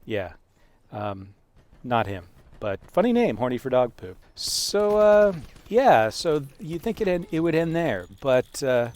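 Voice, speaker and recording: A man with a medium-pitched voice gives casual gaming commentary. He tells his story in an amused, halting way, reading out messages and adding his own asides. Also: sing-song, darkish tone. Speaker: gaming video creator.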